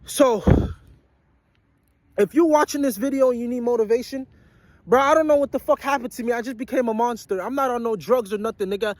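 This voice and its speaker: Young man in his twenties, very high voice, blunt and profane, repeats himself, sweaty after a long shift. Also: a little fast. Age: 20s. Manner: blunt, profane and repetitive, hammering points home. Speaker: vlogger and aspiring musician. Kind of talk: motivational rant to camera.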